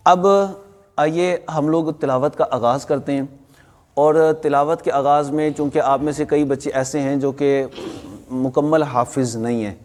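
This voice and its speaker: A man's voice: fairly high pitch, darkish tone. A man teaching a Quran recitation class to students, firm and emphatic, often putting questions to the class. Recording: long hall reverb.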